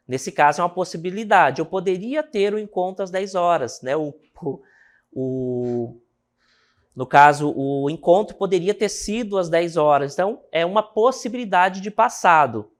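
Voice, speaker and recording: A man from Brazil teaching an English lesson, explaining step by step and checking in with the class. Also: fairly high pitch.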